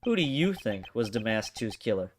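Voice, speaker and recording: A man's voice: fairly low pitch, sing-song, moderate pace, slight background noise. A man doing a cocky detective in a mock Irish-British accent. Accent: put-on bad Irish-British. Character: swaggering male wolfish detective, cocky. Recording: game music behind.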